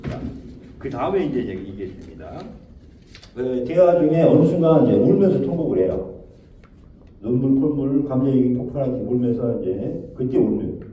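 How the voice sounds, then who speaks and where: A man's voice: mid-range voice, expressive, moderate pace. A man giving a spoken lecture on overcoming depression, asking his listeners rhetorical questions and acting out the phrases he quotes. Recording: echoey and distant, dull, faint noise.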